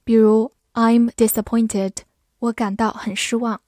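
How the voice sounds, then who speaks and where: A woman teaching English vocabulary in a scripted lesson, spelling each word out letter by letter and reading example sentences slowly. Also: a little high, little pitch movement, dark tone, dry recording, studio quality. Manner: spells words out letter by letter, slow model readings.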